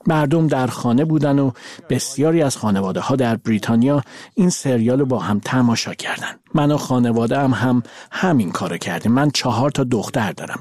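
A man giving a measured voice-over translation of a guest's interview answers. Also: mid-range voice, a little mellow.

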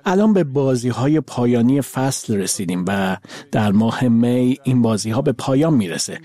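A man at a mid-range pitch dubs a guest's interview answers. His delivery is measured and even. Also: no room sound. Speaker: voice-over interpreter. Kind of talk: dubbed translation of interview answers.

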